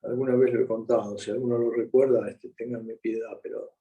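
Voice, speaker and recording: A man's voice: mid-range voice, level tone, fairly quick, phone-quality sound. A man with a Rioplatense Spanish accent giving a conversational conference lecture, often checking in with his audience. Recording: voice picked up from a distance.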